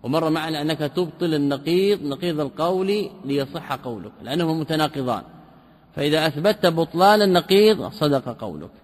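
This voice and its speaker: A man teaching a lesson, reading a classical text passage by passage and explaining it, asking rhetorical questions and repeating key terms slowly. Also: fairly high pitch, animated, big-room sound. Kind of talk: line-by-line commentary lesson.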